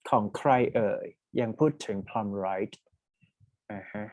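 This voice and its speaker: A man teaching an exam-prep class, reading English passages slowly and explaining them in quick Thai. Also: fairly low pitch, steady tone, a little mellow, no echo. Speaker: IELTS teacher. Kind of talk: online class lesson.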